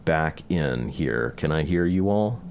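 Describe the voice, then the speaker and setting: A man hosting a live online chat, talking casually and haltingly with many fillers. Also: rumbling low, slight background noise. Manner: relaxed, halting, lots of fillers. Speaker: host of a live release party.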